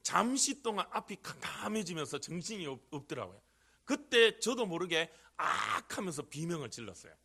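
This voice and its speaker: Middle-aged male pastor, fairly high voice, earnest sermon delivery that builds to emphatic peaks, miked in church. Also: very animated, fairly quick, pushed and bright, breathy edge. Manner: earnest preaching, rises to emphatic cries. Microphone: handheld or stand microphone.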